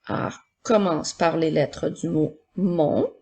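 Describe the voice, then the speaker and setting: A woman teacher with a husky, slightly gravelly voice reads words aloud at an unhurried pace for a children's dictation. She explains each step with patience, as if to first graders. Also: low-pitched, mellow. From Quebec, Canada. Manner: slow, patient, explaining step by step to young pupils. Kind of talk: recorded spelling and dictation lesson for children.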